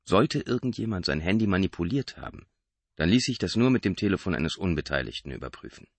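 A man narrating an audiobook in a tense, expressive reading. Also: deep voice, quick pace, slightly rough, no room sound. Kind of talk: scripted narration.

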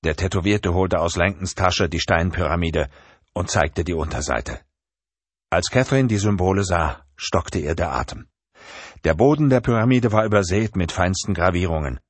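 A man's voice: deep voice, expressive, moderate pace, husky, no echo. A man narrating a thriller audiobook in a tense, dramatic reading.

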